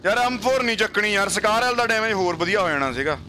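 A man's voice: high voice, quick pace, sharp tone, slight background noise. A man with a Punjabi accent chatting casually and boisterously as a game livestream host, full of slangy banter and swearing. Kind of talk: casual gameplay livestream chat.

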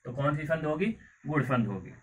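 A man teaching a grammar lesson in a coaching class, slowly repeating words and asking the class questions. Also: on the high side, expressive. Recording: far from mic with faint background noise.

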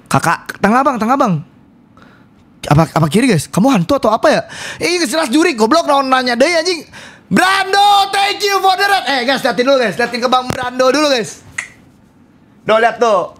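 A man streaming a horror game, talking loudly and rowdily to his chat and swearing often. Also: extremely high pitch, lively intonation, fairly quick. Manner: loud, rowdy, swearing, addresses chat constantly. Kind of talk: live-stream gameplay commentary.

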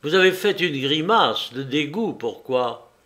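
A man reading an audiobook voicing a commanding gentleman thief who questions sharply and urgently. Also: on the high side, lively intonation, a little slow.

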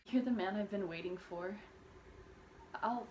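A woman's voice: medium pitch, measured pace, darkish tone, slight background noise, close to an everyday voice. An actress playing a sympathetic woman falling for her date in a comedy sketch. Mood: tender. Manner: gushing, sweetly sympathetic. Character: tender woman smitten on a date.

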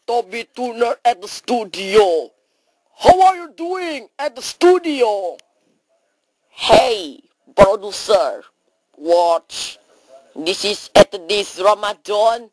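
A woman's voice: on the high side, expressive, slow, a little mellow, dry recording, rough recording. Lady doing a goofy skit, broken english, lots of oh my god, voice swings all over the place, dry sound. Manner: broken English, frequent exclamations, jumps between voices. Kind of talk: improvised comedy skit.

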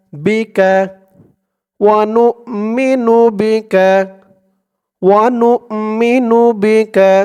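Slow, clear, high-voiced male recitation teacher. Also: a little mellow. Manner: slow, drawn-out chanting of syllables; spells out letters and vowel marks, then joins them. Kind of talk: letter-by-letter recitation lesson.

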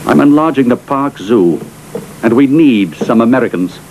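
A man's voice: mid-range voice, animated, moderate pace, a little mellow, a little hiss or hum, natural voice, rough recording. Brief: a man voicing a middle-aged snob of a father, scornful, sweeping intonation. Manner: pompous, sneering. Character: haughty rich aristocratic father, scornful and sly. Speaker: wealthy father. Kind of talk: dubbed film acting.

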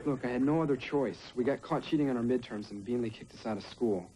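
An actor playing an anxious, secretive teenage son with an American accent, youthful and earnest in a sitcom. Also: male voice, medium pitch, fast talker, a crowd in the background, natural voice. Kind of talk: sitcom acting. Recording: 1980s TV soundtrack, noisy, studio audience.

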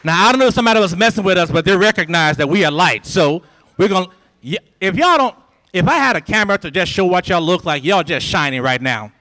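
A faint crowd can be heard as a Liberian man in his forties, a symposium speaker, rouses students in a large lecture hall with a handheld microphone. His high, bright, forceful voice moves at a quick pace with lively intonation, carried by a preacher-like cadence of emphatic repetition.

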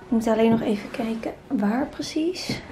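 A woman's voice: on the high side, moderate pace, warm tone, faint music behind, rough recording. A young woman in her twenties chatting in a casual vlog, filming herself handheld in an empty new apartment. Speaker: vlogger. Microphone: handheld camera close to the face.

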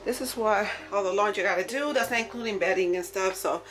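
A New York woman in her thirties chats cheerfully to camera in her home kitchen, a lifestyle vlogger speaking right to her audience. Her medium-pitched voice is fairly bright and quick. Sound comes from a camera placed close on the counter, in an echoey room with faint music.

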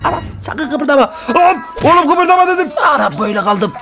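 A man gives excited, joking gameplay commentary while talking to his viewers. His voice sits very high and he talks fast. Faint game music plays underneath. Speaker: gaming channel host.

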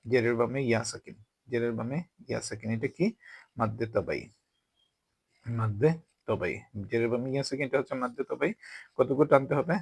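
A man's voice: medium pitch, creaky, husky, no echo. Bangladeshi guy teaching tajweed, says stuff over and over, dry close sound. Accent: Bangladeshi Bengali. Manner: repetitive, drilling with frequent check-ins; slows to model pronunciation. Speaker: Quran recitation teacher. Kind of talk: tajweed lesson.

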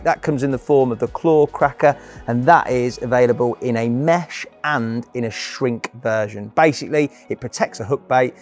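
A man's voice: medium pitch, darkish tone. A young man gives an upbeat, colloquial product walk-through at a trade show, speaking into a lapel mic. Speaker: product presenter. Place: large indoor trade show hall.

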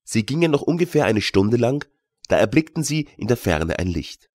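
A man narrating a classic audiobook tale in a measured storytelling manner, recorded in a studio. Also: medium pitch, big pitch swings, darkish tone, no room sound. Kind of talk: scripted narration.

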